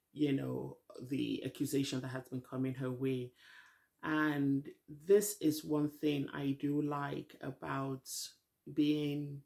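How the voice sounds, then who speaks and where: A woman's voice: deep voice, creaky, dark tone. Chatty middle-aged woman recapping a show. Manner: chatty, rambling, frank opinions. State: tired, hasn't eaten. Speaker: vlogger. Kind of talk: casual TV recap commentary.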